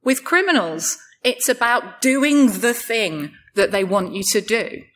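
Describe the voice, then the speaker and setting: A woman's voice: fairly high pitch, lively intonation, unhurried, fairly bright tone. A woman giving a conference talk in a wry, light-hearted way, joking at her own expense. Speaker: conference speaker.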